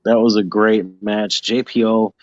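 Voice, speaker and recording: Low-voiced man hosting a trivia show. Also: fairly even intonation, unhurried, darkish tone, dry recording, dull audio. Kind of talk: casual game show hosting.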